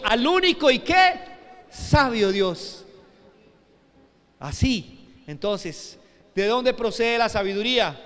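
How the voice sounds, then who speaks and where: High-pitched shouting pastor in a hall. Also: male voice, clear, resonant tone. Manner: swings from soft to shouting, calls out to the congregation. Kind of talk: sermon.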